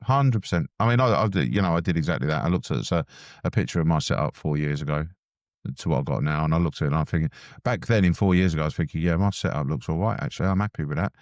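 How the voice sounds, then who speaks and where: Chatty deep-voiced male podcast co-host. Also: expressive, fast, no room sound, clean studio sound. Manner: chatty storyteller, acts out phone calls. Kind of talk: casual podcast chat.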